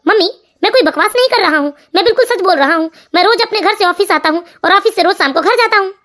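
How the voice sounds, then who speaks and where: A woman voicing a grown son who firmly lectures his mother and wife in an animated family story. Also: extremely high pitch, fast, faint music behind. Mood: stern.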